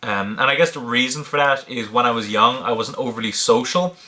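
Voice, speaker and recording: Speaking fairly quickly, this Irish man has a medium-pitched voice that sounds bright and forceful. He's a video creator answering viewers off the cuff, with an accent that blends Irish, British and American, hesitating and thinking out loud with plenty of ums.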